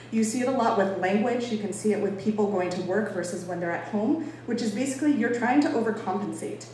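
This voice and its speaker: Medium in pitch and a touch mellow, the voice is that of an American woman from Boston. She gives a casual public talk with emphasis and a conversational, self-mocking playfulness. It's an echoey indoor venue with listeners present, picked up by a distant mic amid faint noise.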